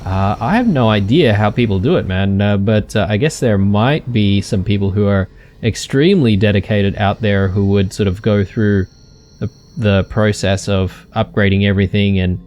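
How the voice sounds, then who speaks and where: A man's voice: fairly low pitch, moderate pace, darkish tone. A man hosting a let's play, chatting casually to viewers with many ums and uhs. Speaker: gaming channel host.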